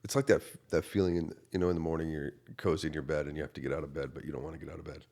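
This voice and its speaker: A man in his thirties, a pastor, earnestly telling a personal story in a podcast interview, going from quiet to loud. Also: extremely low pitch, steady tone, racing, gravelly. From United States. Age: 30s. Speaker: associate pastor.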